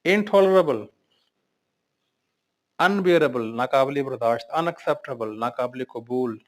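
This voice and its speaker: A man's voice: mid-range voice, measured pace. A male English teacher going through a vocabulary lesson in Urdu, reading out each word and then listing its synonyms and meanings.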